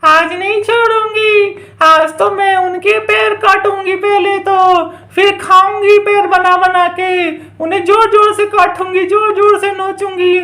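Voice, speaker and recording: A woman voicing a cruel child-eating witch in a doll play story, with slow, gloating threats. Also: very high voice, flat delivery, sharp tone, echoey room, heavily acted. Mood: menacing.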